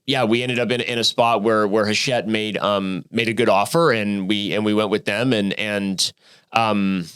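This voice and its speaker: Guy in his 30s telling a wild story on a podcast, swears a lot, keeps restarting sentences, gets excited. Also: lowish voice, normal speed, clean tone. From Arizona, United States. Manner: animated, profane, many fillers and restarts. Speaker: podcast guest. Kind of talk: casual storytelling interview.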